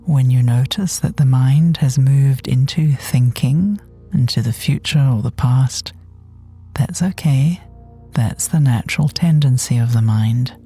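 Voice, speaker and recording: A mellow woman leads a guided body scan meditation in a soft, gentle, breathy voice that often drops to near a whisper, low-lit and slow. She is soothing and unhurried, leaving long pauses between phrases over soft meditation music.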